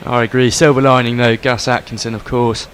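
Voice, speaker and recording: Flat-voiced man calling cricket play. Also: mid-range voice, brisk, slight background noise. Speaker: cricket commentator. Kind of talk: descriptive cricket commentary.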